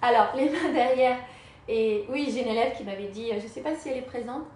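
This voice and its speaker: A woman's voice: a little high, fairly quick, darkish tone, recorded from a distance, slight background noise. A woman teaching a Pilates class, cueing breathing and each movement step by step in an encouraging way. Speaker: Pilates and yoga instructor. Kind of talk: guided exercise class instruction. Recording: very echoey room, voice from afar, faint music.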